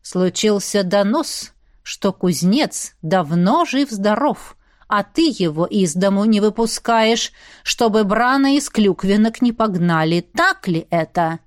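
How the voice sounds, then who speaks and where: A woman reading an audiobook voices a stern, bossy old man who heads a village, speaking gruffly and giving orders. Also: medium pitch, lively intonation, slow pace. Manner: gruff, commanding.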